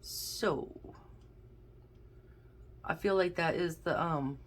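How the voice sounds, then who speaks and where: A woman doing a casual pick-a-card reading, thinking aloud with many restarts and a gentle, encouraging manner. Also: low-pitched, very slow. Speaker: tarot card reader.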